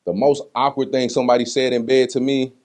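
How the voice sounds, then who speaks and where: With slight background noise, a man talks a little fast in a medium-pitched voice while answering personal questions in a casual interview. He's candid, slangy and conversational, bringing his stories to life by acting out people's words.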